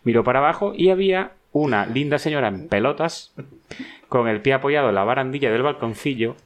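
A man's voice: mid-range voice, fairly quick. A middle-aged man telling a funny anecdote in casual chat, laughing often. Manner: animated storyteller, laughs often, acts out shouted quotes. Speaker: podcast guest telling an anecdote.

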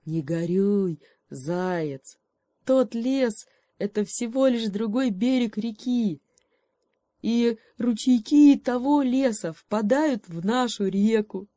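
A woman voicing a kind beaver who comforts a friend in a slow, soothing way. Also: fairly high pitch, dark tone, no room sound, clean studio sound, pitched above the performer's own voice. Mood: comforting.

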